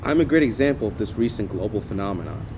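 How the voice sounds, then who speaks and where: A man's voice: on the low side, expressive, fast, darkish tone, a little hiss or hum, rough recording. A young man from Costa Rica giving an earnest, formal scripted narration as a student documentary narrator. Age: young adult.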